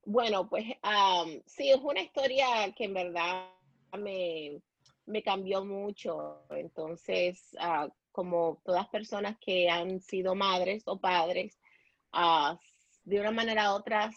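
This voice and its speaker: A woman from the Dominican Republic, raised in Puerto Rico, with a Puerto Rican Spanish accent. She is a podcast guest telling a personal story haltingly, with many restarts and English words slipped in. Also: mid-range voice, no room sound, lo-fi sound.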